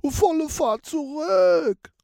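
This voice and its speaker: A man voicing a squeaky, fearful male ship's rat in a storybook, shrieking in panic. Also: expressive, extremely slow, darkish tone, dry recording, clean studio sound, exaggerated voice. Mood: panicked.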